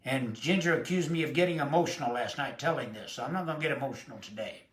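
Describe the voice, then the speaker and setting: A man, preaching a sermon with emphatic, emotional delivery and drawn-out quotes. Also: medium pitch, a bit bright. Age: 70s. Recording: echoey room.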